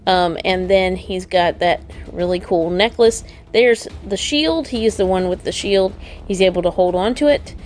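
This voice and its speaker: Speaking at a moderate pace in a lowish, slightly mellow voice, a woman co-hosts a casual toy unboxing show. She points out details with chatty enthusiasm during the product show-and-tell. Faint background noise is audible.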